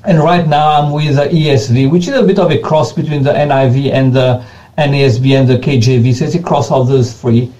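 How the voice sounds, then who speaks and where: A pastor whose first language is Creole gives unscripted answers in an interview, speaking earnestly and often repeating and restarting words. His voice is mid-range, steady and mellow, and he talks briskly. The highs in the recording are cut off.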